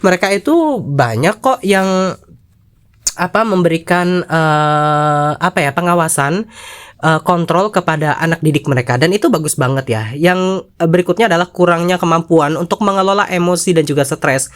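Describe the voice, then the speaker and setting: A host with a Jakarta Indonesian accent and a congested nasal voice from a cold, giving chatty, sassy commentary with dramatic asides, of mid-range pitch between a man's and a woman's. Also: normal speed. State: has a cold. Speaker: host of a YouTube commentary channel. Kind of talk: casual spoken commentary to viewers.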